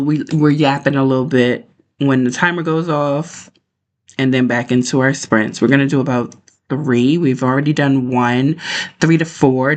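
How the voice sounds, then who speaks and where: Male livestream host, casual and conversational, mid-range voice, informal rambling delivery. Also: medium pitch.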